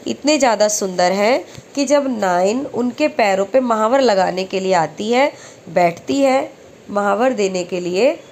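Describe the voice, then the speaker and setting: A woman teaching exam-prep lessons who recites verse slowly and then explains each question step by step. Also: a little high, a little mellow, slight background noise.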